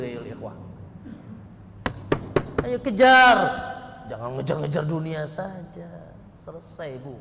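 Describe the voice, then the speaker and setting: High-voiced lively male preacher, echoing hall. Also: gravelly. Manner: lively, teasing the audience with questions. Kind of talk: sermon.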